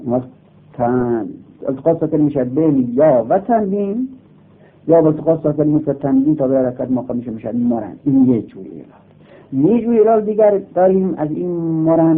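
A man teaching a grammar lesson, slow and patient, going through each step of the rule and repeating it. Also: on the high side, expressive. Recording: tinny phone-like recording.

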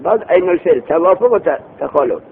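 Lively male teacher on a tinny recording. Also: vocal fry. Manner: lively, repeats terms, asks students questions. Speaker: teacher of Arabic morphology. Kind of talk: classroom lesson, explaining and quizzing. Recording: tinny phone-like recording with faint rumble.

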